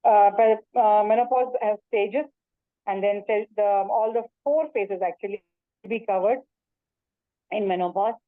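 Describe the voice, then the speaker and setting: A woman with a mid-range voice speaks a little slowly in a dry recording, teaching yoga during a webinar talk and Q&A. She is earnest and repeats herself, with many fillers and restarts. The video call gives her a tinny, phone-like sound.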